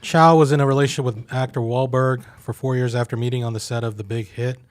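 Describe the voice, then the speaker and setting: A man's voice: medium pitch, steady tone, quick pace, no room sound. A man co-hosting a casual group podcast, talking in a sarcastic, joking way. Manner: sarcastic, jokey. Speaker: podcast co-host.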